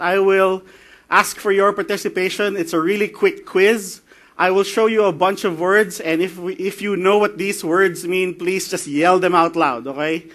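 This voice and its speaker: Filipino guy doing a conference talk, high bright voice, jokey and chatty. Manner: joking, chatty, mixes in Tagalog phrases. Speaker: conference speaker. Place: conference hall.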